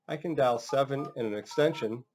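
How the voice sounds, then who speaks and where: Man, instructional narration, casual step-by-step explaining, medium pitch, phone system trainer. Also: a little fast, darkish tone, a little hiss or hum.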